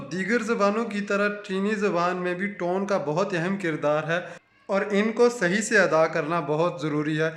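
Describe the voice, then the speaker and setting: A man with a Pakistani Urdu accent narrating a language lesson in a measured, explanatory way. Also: on the high side, a bit bright, roomy sound. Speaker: language teacher.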